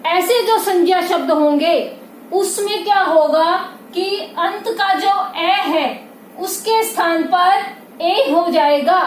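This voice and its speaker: A woman's voice: very high-pitched, takes it slowly. A woman teaching a Hindi grammar lesson, patient and repetitive, who often checks that her students follow and calls them "beta". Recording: echoey room with faint noise.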